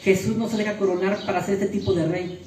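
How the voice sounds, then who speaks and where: A pastor delivering a sermon, building to loud emphatic peaks and pressing the congregation with repeated rhetorical questions. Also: mid-range voice, fairly even intonation, fast talker, a little hiss or hum. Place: church hall. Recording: echoey hall, voice from far off.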